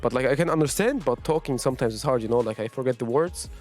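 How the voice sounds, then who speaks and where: A man's voice: mid-range voice, animated, quick pace, loud music behind the voice. Man in filler-heavy non-native English. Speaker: pro esports player. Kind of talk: casual interview chat.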